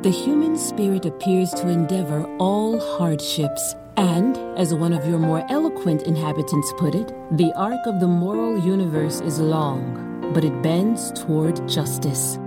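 A woman voicing the disembodied voice of a wise planet queen who speaks from all around, calm and gracious. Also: lowish voice, unhurried, loud music behind the voice. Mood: reflective.

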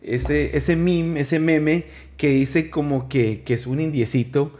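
A man from Colombia hosting a casual interview, chatty, with quick restarts, who acts out the quotes he tells. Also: on the high side, steady tone, a little mellow. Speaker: podcast host.

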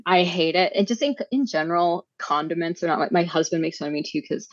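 A woman from Minnesota, a podcast guest, talking in a chatty, halting way with many restarts and fillers. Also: lowish voice, dry recording, highs cut off. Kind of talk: casual chat.

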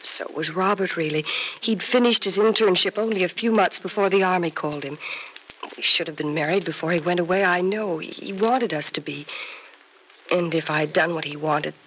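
An actress playing a gentle, bereaved young nurse in a 1940s radio soap opera, consoling in an earnest, wistful, measured way. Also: female voice, deep voice, fairly even intonation, rough recording. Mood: sad, earnest. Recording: old radio recording with faint noise.

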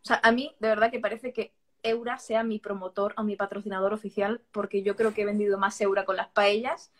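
A woman's voice: mid-range voice, flat delivery, fairly quick. A woman from Barcelona, a guest on a podcast, talking frankly in a casual conversation and often restarting words. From Barcelona, Spain. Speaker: podcast guest, vegan author.

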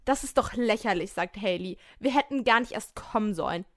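A woman's voice: medium pitch, expressive, a little fast, no echo, studio quality, close to an everyday voice. A woman reading the lines of a spoiled, arrogant young female model in a story game, in her own voice. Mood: haughty.

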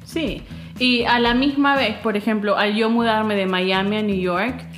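A woman's voice: mid-range voice, fairly even intonation, a little slow, fairly bright tone, roomy sound, soft background music. A woman in her thirties from Peru, talking openly as an interview guest, with frequent fillers and restarts. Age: 30s. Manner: candid and open, with many fillers and restarts. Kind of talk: casual interview chat.

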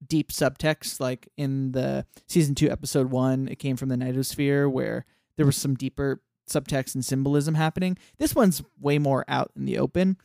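A podcast co-host talks through a cartoon episode in a loose, rambling way, full of "like" fillers and bits of acted-out dialogue. The voice sits at a middle pitch. The recording is dry and close. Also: steady tone, normal speed, gravelly, few pauses, warm tone, no room sound. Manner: acts out quoted lines. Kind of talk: casual chat recapping a cartoon episode.

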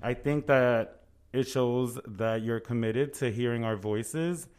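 A man's voice: mid-range voice, takes it slowly, a little mellow, clean tone. A man hosting a podcast in a casual, joking, slangy manner. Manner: laid-back, joking, slangy. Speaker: podcast host.

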